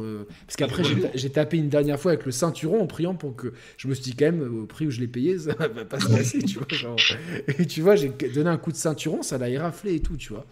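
A young man co-hosting a podcast, telling a crude story in a rambling, animated way with lots of fillers. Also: on the high side. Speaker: podcast co-host. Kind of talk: casual storytelling chat.

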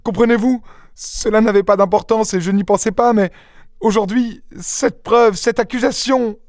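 Storybook role: man doing a desperate young noblewoman, high and frantic, pleading, dry studio sound. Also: sing-song, slow, a little mellow, dry recording, exaggerated voice. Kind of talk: audiobook character reading.

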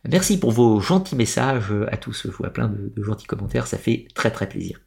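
A man with a fairly low, creaky, darkish voice hosts a live stream at a normal pace, his pitch swinging widely. He explains things at length and responds to viewers' chat comments, drifting off topic and often hesitating and restarting his sentences.

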